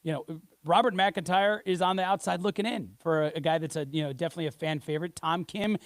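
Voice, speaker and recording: Guy hosting a golf show, kinda high voice, quick casual chat, dry sound. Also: steady tone, no echo. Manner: quick, conversational, lots of "you know".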